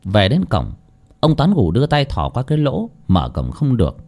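Brief: male audiobook narrator, dramatic storytelling, mid pitch, very animated. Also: moderate pace. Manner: lively, dramatic reading. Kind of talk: storytelling narration of a ghost tale.

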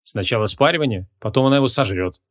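A man's voice: medium pitch, expressive, fast talker, close to an everyday voice. A man reading the part of a stern, short-tempered male archmage in an audiobook, with commanding, curt questions.

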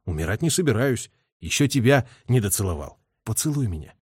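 A man's voice: fairly low pitch, big pitch swings, fairly quick, darkish tone, slightly rough, dry recording, clean studio sound. A man voicing a young male artillery officer who talks in an insistent, half-joking way. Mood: coaxing.

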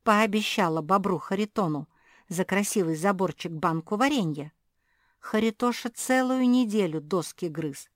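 A woman's voice: mid-range voice, moderate pace, no room sound, studio quality, voice pushed up, lightly acted. A woman voicing a playful, teasing adult female dog in an audiobook. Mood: gossiping.

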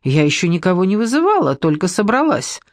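A storyteller voicing a loud, sharp-tongued, stout woman, mocking and domineering. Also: medium pitch, very animated, fairly quick, no echo, natural voice.

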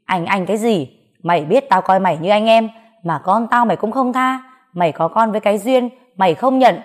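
A woman doing a furious shouting father. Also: mid-range voice, fairly quick, lightly acted. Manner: angry scolding, loud. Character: furious middle-aged father, harsh and shouting.

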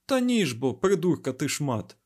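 A man voicing an agitated male scientist in an audiobook, loud and urgent. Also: high voice, lively intonation, moderate pace, voice pushed up. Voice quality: loud, raised, breathless urgency. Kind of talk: audiobook character voice.

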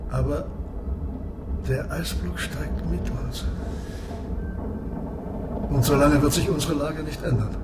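Radio play role: commanding, proud submarine captain, measured and declamatory, higher register, heavy atmosphere sounds behind. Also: male voice, very noisy. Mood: grave, controlled. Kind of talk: dramatic radio play acting. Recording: loud ambient sound effects behind the voice.

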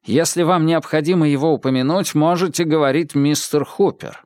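A man's voice: fairly high pitch, normal speed, darkish tone, no echo, voice pushed up, close to an everyday voice. A man voicing a proud, stiff elderly male historian in an audiobook, cutting and indignant. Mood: haughty.

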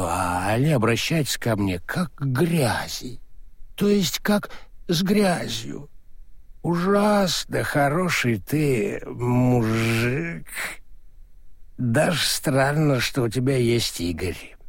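A man puts on a drunk small-time crook who slurs and drags out every word with big, lurching swings of pitch. The voice is husky and close-miked, with no room sound at all. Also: expressive, takes it slowly, dry recording. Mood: sentimental. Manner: slurred, hiccuping, maudlin. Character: drunk sentimental small-time male swindler.

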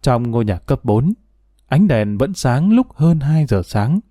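A man narrating a dramatic audio story with expressive, emotional delivery. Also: mid-range voice, measured pace, dry recording, studio quality.

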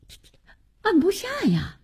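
A woman's voice: sits high, huge pitch swings, moderate pace, creaky, mellow, full character voice. An actress playing a flustered old grandmother with a Beijing accent who stammers and keeps exclaiming. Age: older. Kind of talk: radio comedy acting.

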